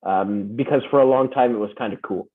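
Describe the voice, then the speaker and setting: Speaking briskly at medium pitch, a fan club founder raised in the Philippines and the US chats casually as a podcast guest. He rambles, peppers his points with "right?", and sounds tinny, as if on a phone line.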